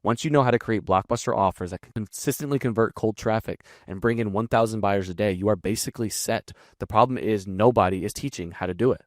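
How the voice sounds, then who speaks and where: A low-voiced man talks quickly and bluntly, explaining marketing copy in a casual, unscripted way. He swears freely and keeps a brisk, energetic flow. The recording is close and dry, with no room sound. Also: no room sound. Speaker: marketing and copywriting teacher. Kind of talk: casual screen-share breakdown.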